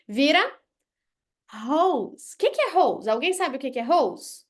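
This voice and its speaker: Brazilian lady teaching english live, high bright voice, blunt and jokey, overdoes the pronunciation drills. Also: big pitch swings, moderate pace. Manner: blunt, playful, exaggerated pronunciation demos. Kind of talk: live online English lesson.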